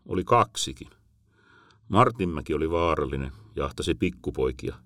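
A man's voice: a bass voice, animated, bright, forceful tone, no room sound. A middle-aged man from Finland reading a first-person essay in a dry, wry and reflective manner. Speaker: narrator.

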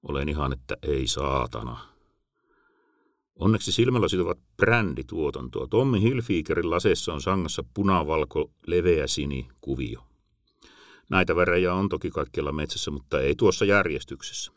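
A man's voice: extremely low pitch, no room sound. A middle-aged man from Finland reading a first-person essay in a dry, wry and reflective manner. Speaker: narrator.

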